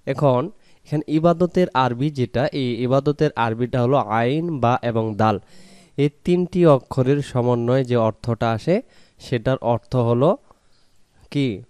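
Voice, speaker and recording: A man's voice: mid-range voice, measured pace, a little mellow, clear, resonant tone, dry recording. A man teaching Quran pronunciation, patiently drawing out and repeating each syllable for learners. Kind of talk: slow pronunciation lesson with drawn-out recitation.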